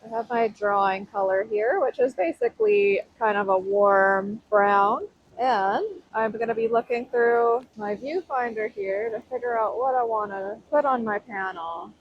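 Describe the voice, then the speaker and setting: A woman's voice: a little high, sing-song, unhurried. A woman painting outdoors by a waterfall, chatting through each step of her work. Her voice comes through a noise-canceling mic that makes it sound like she is talking into a tin can. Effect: muffled tin-can sound from a noise-canceling mic. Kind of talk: casual painting tutorial.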